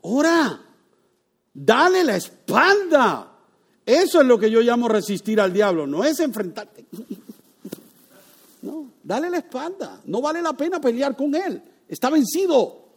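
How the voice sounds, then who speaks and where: A man with a high voice preaches a sermon. He swings from loud emphatic lines down to hushed ones, asks his listeners questions and acts out voices. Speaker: pastor.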